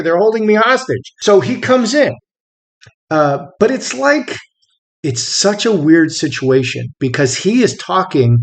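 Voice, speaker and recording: A man tells a story in a casual monologue, his voice sitting a little high. He speaks with emphatic energy and keeps repeating short phrases for effect. When he quotes people, he breaks into sharp shouted bursts. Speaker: storyteller recounting a personal fight.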